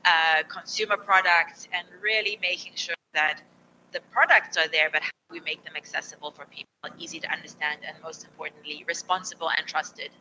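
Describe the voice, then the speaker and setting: A man speaking on a panel discussion in a measured, explanatory way. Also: a little high, fairly even intonation, bright, forceful tone, far from the mic, a little hiss or hum, poor audio.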